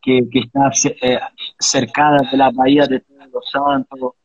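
A man's voice: medium pitch, flat delivery, moderate pace, slightly rough, no room sound, dull audio. A man in his thirties from Brazil, talking earnestly and reflectively in a casual interview, often ending thoughts with a question. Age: 30s. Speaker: interviewee, capoeira practitioner.

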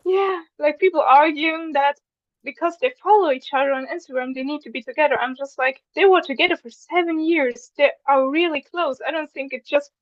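High-voiced young woman on dull dry audio. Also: a little fast, no echo. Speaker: podcast guest. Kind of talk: casual chat.

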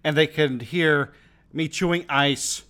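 A man's voice: on the high side, fairly even intonation, takes it slowly, pushed and bright, clear, resonant tone. A man co-hosting a casual podcast and reading a ghost story, joking between reads. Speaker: podcast co-host. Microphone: home podcast microphone.

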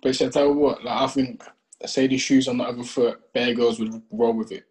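A man's voice: medium pitch, steady tone, brisk, a little mellow. A young man with a London roadman accent in casual chat, slangy and repeating phrases for emphasis. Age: young adult.

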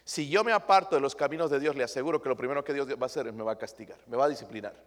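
A man's voice: medium pitch, very fast, long reverb tail. A male pastor preaching a sermon emphatically, throwing rhetorical questions at his congregation.

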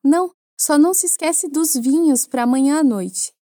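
Brazilian woman, French teacher, high voice, dry close sound, patient and playful. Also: normal speed, mellow, no room sound. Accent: Brazilian Portuguese. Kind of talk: language lesson for Portuguese speakers.

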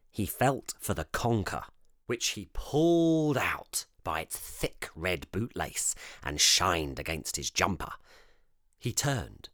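A man reading a storybook aloud, slow and measured, his voice swinging widely in pitch. It sounds close and dry, with no room around it. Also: dry recording. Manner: expressive and measured. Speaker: narrator. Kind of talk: storybook narration.

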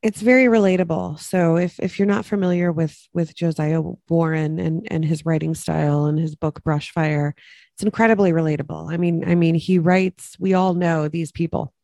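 A podcast co-host chatting casually, halting with many fillers and repeated words. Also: medium pitch, fairly even intonation, creaky, a little mellow, no room sound, studio quality. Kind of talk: casual chat.

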